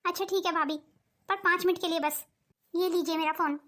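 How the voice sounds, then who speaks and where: A woman voicing a young sister-in-law in a cartoon, quick and obliging. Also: very high-pitched, fairly even intonation, background noise. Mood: chatty. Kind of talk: cartoon voice acting.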